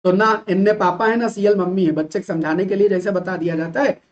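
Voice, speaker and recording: A male teacher from Uttar Pradesh giving an animated classroom lecture, full of rhetorical questions and mock imitations of students. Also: high voice, brisk, lo-fi sound. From Uttar Pradesh, India.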